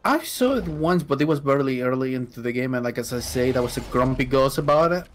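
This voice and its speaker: A man's voice: medium pitch, expressive, fast, soft background music. A man chatting casually as a gaming co-commentator, in a slangy, joking way. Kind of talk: casual chat.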